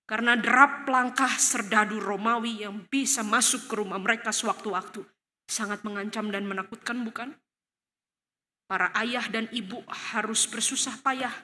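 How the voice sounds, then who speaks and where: Dramatic woman preacher, bright ringing voice. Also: a little high. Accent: Indonesian. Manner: dramatic, acts out scenes with sudden loud cries. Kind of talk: sermon. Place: church hall. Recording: long hall reverb.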